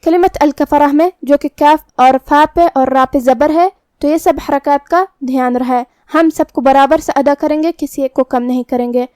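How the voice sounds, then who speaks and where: A woman's voice: high voice, fairly even intonation, darkish tone, no echo, studio quality. A woman teaching recitation rules in a methodical, step-by-step manner. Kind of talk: tajweed lesson explanation.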